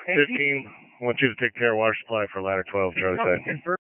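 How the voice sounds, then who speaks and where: Brisk, urgent low-pitched firefighter man on radio. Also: very animated, clear, resonant tone, dry recording. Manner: brisk, repeats orders back. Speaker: battalion chief commanding fire scene. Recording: tinny narrowband two-way radio.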